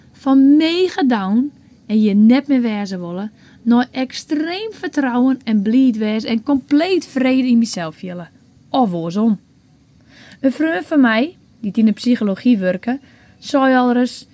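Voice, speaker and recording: Frisian lady reading out her own blog, bit high voice, mellow and warm, thoughtful and steady. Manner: reflective, measured reading. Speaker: blogger.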